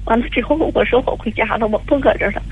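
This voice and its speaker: Older woman caller, husky voice on a muffled phone line, rambling through her story. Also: fairly high pitch, rapid-fire. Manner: tearful, rambling storytelling with many fillers. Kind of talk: call-in advice radio.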